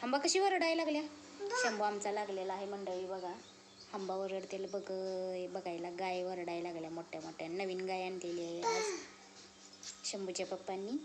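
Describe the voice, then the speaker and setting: A young woman from Maharashtra, a mother filming her baby near the cows, cooing at him in high sing-song baby talk and murmuring plainer asides to her viewers. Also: lively intonation, normal speed. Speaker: vlogger mother. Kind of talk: home vlog talking to her baby and viewers. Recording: noisy home phone recording.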